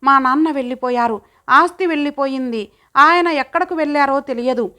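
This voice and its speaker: A woman's voice: high-pitched, moderate pace, sharp tone. A woman voicing a weeping young daughter-in-law. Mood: pleading, tearful. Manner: sobbing, begging.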